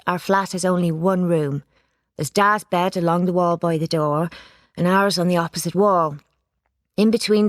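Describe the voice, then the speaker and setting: A woman reading a children's storybook aloud, giving it lively expression. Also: on the low side, dry recording, studio quality. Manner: lively character voices, plain narration. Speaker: audiobook reader. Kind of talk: storybook narration.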